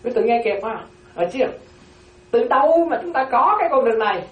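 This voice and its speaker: Speaking quickly with lively intonation and a higher-pitched voice, this nun delivers a dharma talk to her class, repeating important phrases and checking again and again that everyone is following. It's captured on a distant mic in a roomy space, and the highs are cut off.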